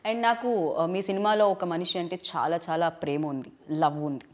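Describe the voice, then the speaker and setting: A woman's voice: lowish voice, lively intonation, racing. A young woman with a South Indian accent, interviewing casually and switching between languages. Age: young adult. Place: indoor press studio.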